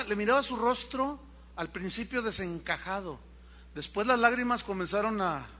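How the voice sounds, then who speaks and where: A man's voice: high-pitched, sharp tone. A male pastor preaching a sermon, telling stories animatedly and addressing the congregation directly.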